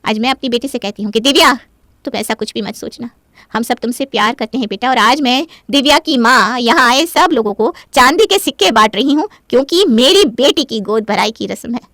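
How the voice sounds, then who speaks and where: A woman's voice: a little high, expressive, fairly quick, fairly bright tone, no echo, studio quality. A woman voicing a heartfelt middle-aged mother. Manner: heartfelt, speech-like. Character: loving mother of a pregnant daughter, middle-aged.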